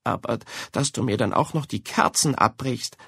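A man's voice: medium pitch, normal speed, creaky, breathy edge, dry recording, clean studio sound. A man voicing an upset mother who accuses her son, hurt and near tears. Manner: accusing, hurt, sometimes hushed.

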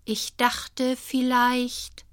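Shy little schoolgirl, careful and unsure, kinda breathy soft bits, woman reader putting her on. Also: mid-range voice, animated, moderate pace, dry recording, studio quality, lightly acted. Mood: hesitant. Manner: cautious, tentative.

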